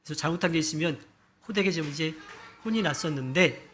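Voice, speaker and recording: A man's voice: a little high, a little fast, faint music behind. A man preaching a Sunday sermon in a church, telling family stories in a shifting, conversational way. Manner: storytelling with shifts of loudness and pace. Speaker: pastor. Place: church hall.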